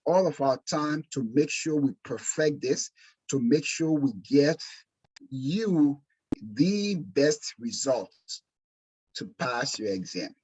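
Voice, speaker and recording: An insurance exam course instructor from Liberia, West Africa, speaks with a Liberian accent in a husky, darkish, slightly high voice. Presenting a webinar, he is earnest and emphatic, repeating phrases for stress. The audio is poor.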